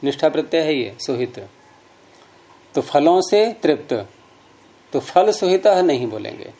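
Man, grammar teacher, slightly high voice, patient step-by-step explaining. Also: very animated, unhurried, mellow. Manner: patient, step-by-step explaining, repeats key terms. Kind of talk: explaining grammar rules with examples.

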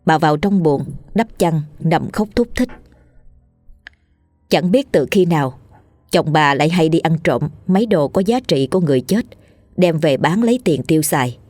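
A woman, narrating a scripted ghost story in a steady reading voice. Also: sits low, normal speed, dry recording.

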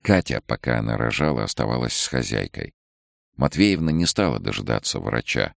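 A man reading a novel aloud as an audiobook narrator, measured and expressive. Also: extremely low pitch, creaky, dry recording, clean studio sound.

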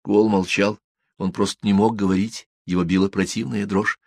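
Male narrator, measured, gravelly, dry close recording. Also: lowish voice, flat delivery, a little mellow, dry recording. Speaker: audiobook reader. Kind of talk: scripted narration.

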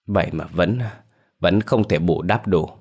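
A sharp-tongued middle-aged lady who rules her household, done by a male storyteller. She speaks in a low, firm voice, scolding and ordering her servants, in a narrated ghost story. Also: measured pace, slightly rough, heavily acted. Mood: resigned. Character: stern middle-aged mistress of a rich household, woman.

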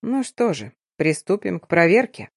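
A woman voicing a confident, teasing young man in an audiobook, lowering her voice and drawing out the words. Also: big pitch swings, moderate pace, vocal fry, dry recording, clean studio sound, full character voice. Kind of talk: audiobook reading.

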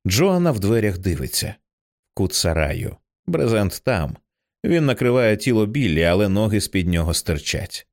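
A man narrating a screenplay as an audiobook reader, in a dramatic and expressive way. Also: on the low side, moderate pace.

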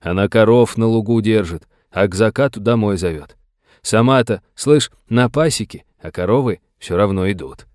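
A man voicing a gruff older Russian settler with a folksy, blunt, scolding manner. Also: fairly low pitch, normal speed, darkish tone, dry recording, studio quality, natural voice. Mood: earnest.

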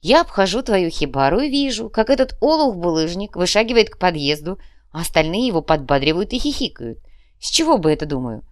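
A woman reads a smug, clever male sorcerer in an audiobook, who explains himself with easy amusement. Her own lowish voice carries him. It is recorded close and dry. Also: big pitch swings, fairly quick, dry recording. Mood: amused.

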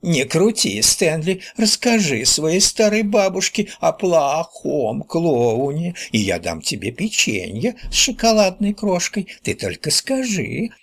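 A man voicing a grumbling old grandmother in a high, cracked falsetto, coaxing slowly in an audiobook. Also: big pitch swings, slightly rough, heavily acted. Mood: wheedling. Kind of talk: audiobook character voice.

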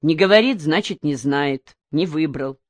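A woman's voice: low-pitched, unhurried, no room sound. A woman voicing a bossy teenage boy who leads his friends, speaking firmly. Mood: commanding. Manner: firm, commanding.

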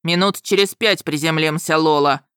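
Woman growling as a gruff giant dragon. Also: low voice, normal speed, a bit bright, dry recording, clean studio sound. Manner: growled, curt commands. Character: gruff huge male dragon, growling and impatient.

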